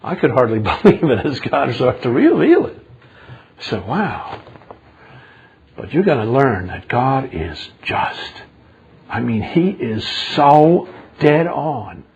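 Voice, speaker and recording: Older male preacher, husky, slow and animated, sermon from the pulpit, swings between hush and fervor. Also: dull audio. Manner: impassioned, swings from low murmurs to loud indignant outbursts. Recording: 2005 sermon recording.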